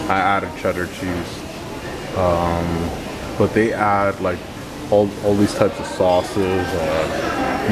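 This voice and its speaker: A travel vlogger with a low-leaning voice films a casual walking vlog through an airport food court on his handheld camera mic. He rambles easily, repeating words as he goes. Loud airport hall noise sits under his voice.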